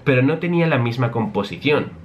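A man's voice: medium pitch, expressive, a little fast, muffled recording, a little hiss or hum, natural voice. A man voicing an eccentric male genius scientist who explains his ideas at length. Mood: lecturing. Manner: explanatory, lecturing.

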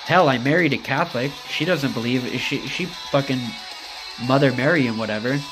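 A man's voice: mid-range voice, moderate pace, low-quality recording. A man chatting on a game stream, rambling and cursing as he answers his chat. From United States. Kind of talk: casual live-stream chat while gaming. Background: music.

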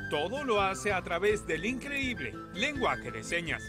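A man reading a scripted news report in an emphatic, lively delivery. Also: sits high, a little slow. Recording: voice-over with loud background music.

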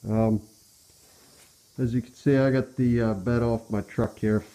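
Muffled, mellow American man wearing a respirator. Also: medium pitch, fairly even intonation. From Pennsylvania, US. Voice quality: muffled through a respirator mask. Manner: hesitant, halting, plain-spoken. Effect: respirator mask. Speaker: DIY truck restorer. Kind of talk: casual hands-on how-to talk. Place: cluttered workshop, indoors.

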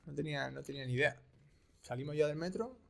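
A man commentating a video game, excitable and repeating his phrases. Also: a little high, fast talker, creaky. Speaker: streamer. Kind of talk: gaming commentary.

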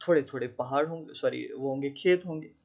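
A man from Jammu and Kashmir gives an exam-prep geography lecture in a brisk, creaky, mid-range voice with a darkish tone, and the audio sounds dull. He teaches conversationally in Hindi with English terms, often asking questions to check whether students follow.

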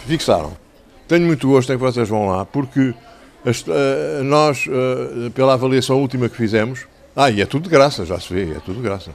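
A children's author in his 60s or older, with a European Portuguese accent and a slightly hoarse mid-range voice, talks and tells stories to schoolchildren at a fairly quick pace. He is conversational and didactic, repeating phrases for emphasis into a handheld microphone. The setting is a covered outdoor tent in a town square.

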